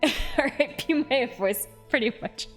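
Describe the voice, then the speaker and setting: Giggly woman streamer, higher-pitched voice. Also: measured pace, soft background music. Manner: giggly, playful. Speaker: game streamer. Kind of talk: live stream chat with game dialogue read aloud.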